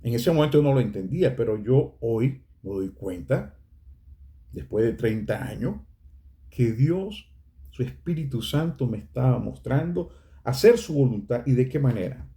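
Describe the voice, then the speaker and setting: A man's voice: medium pitch, lively intonation, moderate pace, mellow. A middle-aged man with a Nicaraguan accent giving an earnest, emotional personal faith testimony, addressing listeners as brothers. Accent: Nicaraguan Spanish.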